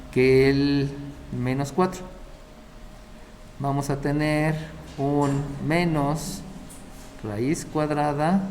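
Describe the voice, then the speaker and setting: Over slight background noise, a man with a medium-pitched, slightly mellow voice teaches math. He goes through the steps one by one and keeps checking his class with quick questions.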